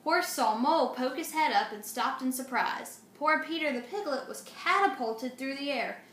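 A young adult woman, a storyteller and craft presenter, reads aloud and gives simple instructions for children, often asking the listener questions. Her high, animated, fairly bright voice moves at normal speed. It's a roomy, noisy phone recording made indoors in a home dining room.

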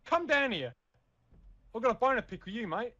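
A man playing a brash, hot-headed bloke who shouts threats in a roleplay. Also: very high voice, very animated, moderate pace, lo-fi sound, full character voice. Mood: aggressive. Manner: loud, swaggering, threatening.

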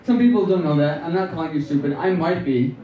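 Guy doing stand-up at an open mic, high voice, kinda rambly and halting, far off in an echoey club with a loud crowd laughing. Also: lo-fi sound. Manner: halting, rambling delivery with restarts. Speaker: stand-up comedian. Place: comedy club stage. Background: audience laughter.

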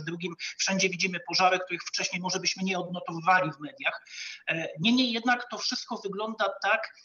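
A man commenting in a political studio debate, speaking in a measured, rhetorical way with frequent hesitations. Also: high voice, sharp tone, lo-fi sound.

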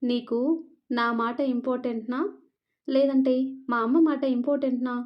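A woman's voice: a little high, little pitch movement, normal speed, close to an everyday voice. A woman voicing a stern, possessive young husband with a harsh, demanding way of talking. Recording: dull lo-fi narration recording.

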